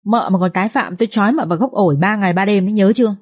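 A stern young master teases his wife in a flat, deadpan way, as a woman narrator reads him. He sounds cool and dry. This is an audiobook character reading. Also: mid-range voice, racing, breathy edge, natural voice. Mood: teasing. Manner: dry, teasing.

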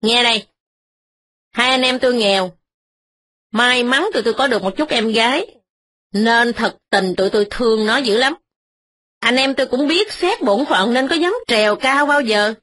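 A woman's voice: fairly high pitch, fairly bright tone. A woman voicing a poor, proud older brother who lectures a rich young man in a reproachful tone.

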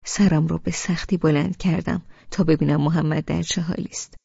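A woman narrating a first-person audiobook in a soft, often whispery voice. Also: low-pitched, steady tone, creaky, slightly rough, no echo, muffled recording.

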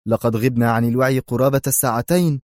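A man's voice: mid-range voice, fast talker, darkish tone, dry recording, clean studio sound, pitched above the performer's own voice, natural voice. A man voicing an indignant, hot-tempered mafia gunman in an audiobook, snapping out his lines. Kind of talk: audiobook character voice.

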